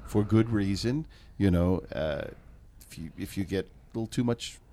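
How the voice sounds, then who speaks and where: A man's voice: sits low, moderate pace, dark tone. A man appearing as a guest on a radio show in a studio, joking and self-deprecating. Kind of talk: casual radio chat.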